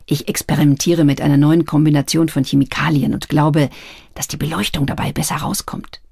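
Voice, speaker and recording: A woman voicing a friendly young male photographer in an audiobook, relaxed and chatty. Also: deep voice, brisk, vocal fry, breathy edge, no echo, clean studio sound, exaggerated voice. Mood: easygoing.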